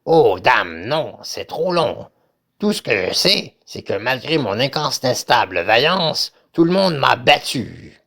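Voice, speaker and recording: A man playing a pompous, cowardly usurper king in a stage farce, with gravelly, menacing evil-emperor bluster. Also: medium pitch, big pitch swings, slow pace, fairly bright tone, exaggerated voice. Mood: scornful, pompous. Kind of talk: theatrical farce acting.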